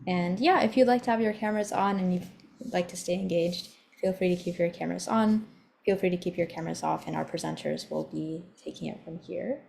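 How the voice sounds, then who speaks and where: A woman's voice: fairly low pitch, a little fast, gravelly, darkish tone, a little hiss or hum. A woman hosting an online symposium on a video call, giving a friendly, organized welcome with some fillers. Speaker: event host. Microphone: computer mic on a video call.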